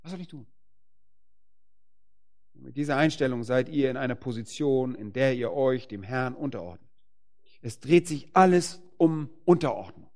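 A man preaching a sermon with emphatic delivery, slowing down and rising to forceful peaks to stress key words. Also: mid-range voice.

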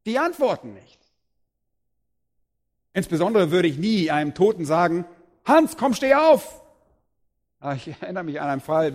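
Middle-aged guy preaching, reads scripture then gets emphatic, fairly high and very lively voice. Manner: reads Bible passages aloud, then preaches with emphatic rises. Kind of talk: sermon.

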